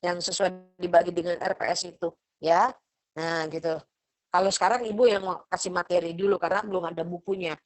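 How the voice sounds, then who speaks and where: A woman's voice: on the low side, steady tone, fairly quick, poor audio. A middle-aged woman lecturing a university class over a video call, chatty and motherly. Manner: motherly, chatty, acts out parents' lines.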